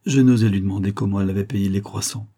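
Brief: male narrator, low husky voice, measured wry reading of a novel. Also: steady tone, mellow. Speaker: audiobook narrator. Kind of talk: first-person novel reading.

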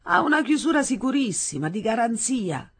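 A proud, possessive father, smug and sarcastic, speaking sternly with a slightly husky edge, as a woman reads him aloud in a storybook. He sounds self-satisfied and talks down to the listener. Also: fairly high pitch, big pitch swings, normal speed, fairly bright tone, voice pushed up, full character voice. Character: proud, arrogant grown father, teasing and possessive.

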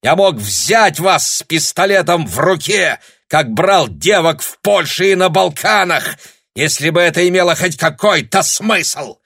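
A man shouting as a raging German captain. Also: a little high, animated, unhurried, creaky, breathy edge, no echo, clean studio sound, pitched above the performer's own voice, heavily acted. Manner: bellowing, contemptuous, ranting.

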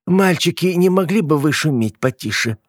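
A man performs a strict older schoolteacher, polite but firm in manner. He pitches his voice a little above his own natural one, with lively intonation at a normal speed, in a dry, clean studio recording.

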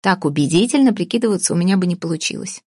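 A woman reading an audiobook voices a frank, guileless young woman who speaks earnestly and openly, with a husky tone. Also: lowish voice, animated, racing, warm tone, no room sound, clean studio sound.

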